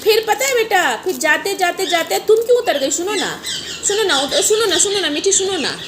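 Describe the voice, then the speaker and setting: Lady with a super high voice, sing-songy storytelling to her pet birds, noisy room in the background. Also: animated, moderate pace. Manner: sing-song, teasing, repeats phrases, laughs while talking. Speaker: vlogger telling a story to her pet parrots. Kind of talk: playful storytelling to pets. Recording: noisy home recording.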